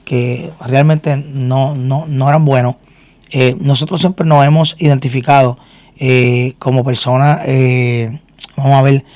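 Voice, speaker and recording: A man's voice: mid-range voice, little pitch movement, measured pace, darkish tone, no echo. A man, a minister, telling his own story in a faith interview, earnest and often repeating words as he restarts. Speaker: guest minister and singer.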